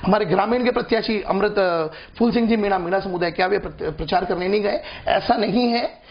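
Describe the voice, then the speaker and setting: A man's voice: high-pitched, brisk. A man speaking as a party spokesman in a heated TV political debate, talking over his opponents and repeating his points. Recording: dull lo-fi broadcast audio.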